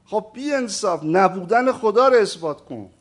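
A man's voice: sits high, lively intonation, husky. A man teaching a theology lesson, speaking emphatically and often putting questions to his listeners. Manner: emphatic, keeps asking the audience questions; addresses listeners as "sir". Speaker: religious teacher. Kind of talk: lecture on theology.

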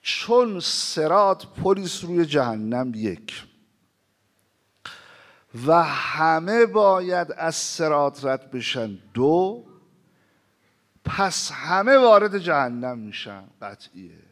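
A man preaching a sermon who recites scripture slowly and asks the listeners rhetorical questions, swinging between loud emphasis and hushed pauses. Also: fairly high pitch, very animated. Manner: recites Arabic scripture in a slow chanting cadence, then explains it.

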